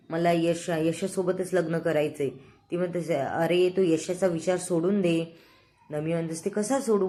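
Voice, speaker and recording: A woman retelling a TV serial episode in relaxed storytelling, briefly lifting her voice for each character's lines. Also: fairly low pitch. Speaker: serial episode recap narrator.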